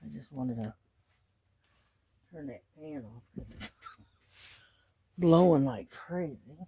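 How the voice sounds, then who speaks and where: A middle-aged man with a wheezy, congested, breathy rasp, chatting casually and haltingly in an unhurried, folksy way while he paints. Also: fairly high pitch, dark tone, a little hiss or hum. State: congested, wheezing, clearing throat often. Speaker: painting vlogger.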